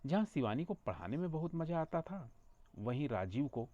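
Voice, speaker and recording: A man's voice: on the high side, sing-song, normal speed, warm tone, no room sound, highs cut off. A man narrating a family story, reading it out and voicing every character himself. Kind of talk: scripted narration.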